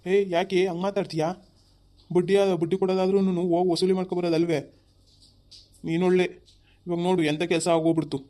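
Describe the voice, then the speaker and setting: A fed-up husband in a village family drama, played by a man, scolding. His voice sits a bit high yet sounds warm and mellow. He keeps it flat and even as the complaints pile up. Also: fairly quick, long pauses, close to an everyday voice. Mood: upset. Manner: scolding, exasperated. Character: frustrated husband who lost his savings. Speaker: actor.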